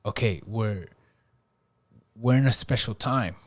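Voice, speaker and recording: A man with a fairly low voice hosts a podcast in loose, casual conversation. He talks in a relaxed way and keeps checking in with his guests. "Bro" and "right?" run all through his speech. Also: takes it slowly. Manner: laid-back, peppers speech with "bro" and "right?". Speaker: podcast host. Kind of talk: casual chat.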